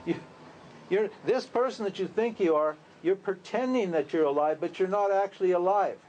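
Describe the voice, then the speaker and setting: High-voiced man giving a casual spiritual talk. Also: normal speed, darkish tone, dull audio, a little hiss or hum. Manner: conversational, rhetorical questions, laughs at his own lines. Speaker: spiritual teacher. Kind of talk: informal spiritual talk to a group.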